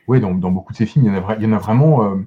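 A man with a low, mellow voice talks loosely on a podcast and keeps restarting his sentences. The sound is a little dull and lo-fi. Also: rapid-fire. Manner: hesitant, many restarts and fillers. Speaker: podcast co-host. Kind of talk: casual discussion.

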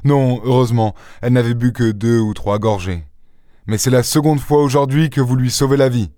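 A man's voice: mid-range voice, moderate pace, dark tone, no echo, studio quality, lightly acted. A man reading aloud and voicing an anxious, earnest country doctor in a slightly raised, fretful voice.

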